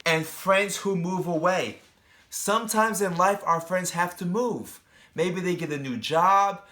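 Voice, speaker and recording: A teacher reads a picture book aloud to young children in a slow, high voice with a bright, forceful tone. He addresses the kids directly, asking them questions and adding chatty asides.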